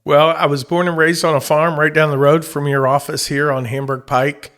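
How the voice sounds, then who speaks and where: A man's voice: a little high, level tone, a bit bright. A middle-aged man, a professional Santa and auctioneer, telling his story in an easygoing, casual interview. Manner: easygoing storyteller, breaks into quick auctioneer chant.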